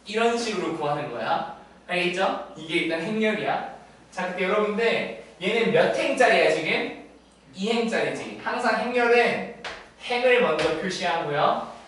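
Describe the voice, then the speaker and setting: A male math teacher giving a classroom lecture, often stopping to check in with students through quick tag questions. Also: fairly high pitch, a bit bright. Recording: echoey room, distant mic, faint noise.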